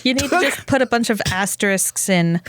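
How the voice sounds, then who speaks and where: A woman's voice: on the high side, animated, brisk, a bit bright, no room sound. A woman co-hosting a podcast, chatting casually and chiming in with playful jokes. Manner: playful, jokey interjections. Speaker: podcast co-host. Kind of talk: casual chat.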